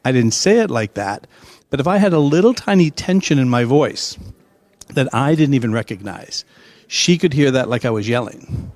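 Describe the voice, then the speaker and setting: A man's voice: medium pitch, no room sound. Emphatic middle-aged man explaining. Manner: emphatic, animated, acts out dialogue. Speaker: guest expert. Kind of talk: explaining in a conversational interview.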